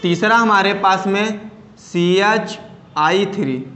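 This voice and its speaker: A man with a high voice teaches a chemistry lesson for video, pausing to ask his students questions and repeating each answer. He speaks slowly and stretches out key terms. The sound is roomy and echoey. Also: fairly bright tone, slight background noise.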